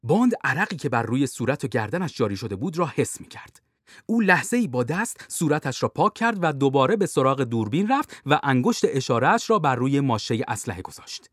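A man narrating a thriller audiobook in a lively, expressive way. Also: medium pitch, dry recording, studio quality.

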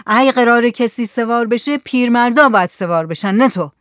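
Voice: mid-range voice, fairly bright tone, no echo, studio quality, voice pushed up, natural voice. A reader voicing a blunt, pious older male fisherman who asks pointed questions.

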